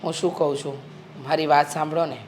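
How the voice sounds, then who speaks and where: A woman's voice: sits low, level tone, fast, a little mellow, slight background noise, lightly acted. A middle-aged woman playing a worried mother complaining that her grown son won't change. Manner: weary, complaining. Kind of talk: family drama acting.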